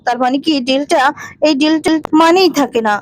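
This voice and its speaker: A woman's voice: high voice, fairly quick, a little mellow, natural voice. A woman voicing a worried young bride who pleads and asks anxious questions. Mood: hurt.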